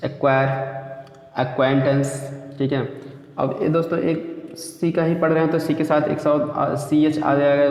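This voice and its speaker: A man's voice: fairly high pitch, darkish tone. A male teacher giving a lesson, explaining step by step and repeating points, often calling his listeners friends. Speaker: English teacher. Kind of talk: spoken lesson to students. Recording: echoey room, dull lo-fi sound.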